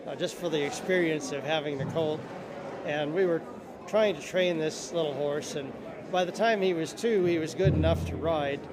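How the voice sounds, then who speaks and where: A man telling an unscripted personal anecdote about his life with horses in a plain-spoken, measured way. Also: fairly high pitch, poor audio.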